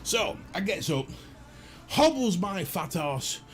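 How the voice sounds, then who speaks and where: A man's voice: sits high, very animated, slow, soft background music. A man, telling a comic story in casual chat as the host of a live stream, sweary and exasperated.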